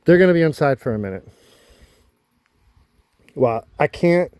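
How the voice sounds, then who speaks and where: A man with a mellow, warm voice talks through a boat repair outdoors on a houseboat. He keeps it easygoing, explaining each step as he works with his hands, in a casual vlog style. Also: a little high, animated, moderate pace, clear, resonant tone, no echo. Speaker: vlogger.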